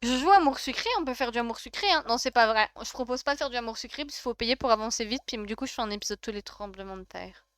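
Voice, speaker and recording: A woman's voice: a little high, quick pace, fairly bright tone, no echo, clean studio sound. A young woman with a French accent streaming a life-sim game, chatting casually and gushing as she reacts to her chat. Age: young adult.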